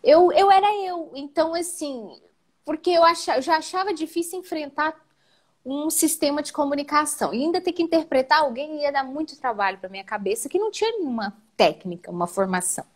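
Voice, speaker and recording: A woman with a Brazilian Portuguese accent telling her own story as an interview guest. She speaks in an animated way, often adds "né?" and leaps up in pitch. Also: fairly quick. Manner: animated, with frequent "né?" tags and sudden jumps up in pitch. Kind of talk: emotional personal storytelling in a live interview.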